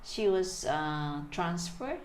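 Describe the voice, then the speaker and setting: Woman in her fifties, low voice, unhurried, gropes for words, faint background noise. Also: lively intonation. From Philippines. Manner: hesitant, searches for words with many fillers. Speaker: podcast guest. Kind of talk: casual interview answers.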